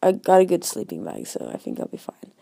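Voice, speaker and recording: Woman, non-native English speaker, hoarse with a cold, heavily gravelly and creaky, mellow, casual hesitant vlog chat. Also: very deep voice, huge pitch swings, brisk, no echo, studio quality. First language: not English. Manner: informal, rambling, hesitant. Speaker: travel vlogger. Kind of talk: casual talk to followers.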